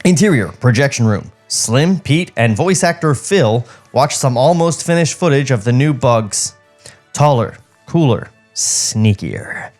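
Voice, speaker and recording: With lively intonation, this male co-host speaks a bit slowly in a medium-pitched, slightly mellow voice. He reads a podcast script in a studio, going from narration to casual conversation over background music.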